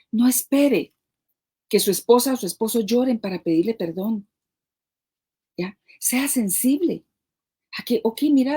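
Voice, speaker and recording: Woman, marriage talk co-host, fairly high voice, conversational, frequent rhetorical asides, live stream. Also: warm tone, slightly rough. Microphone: live stream microphone.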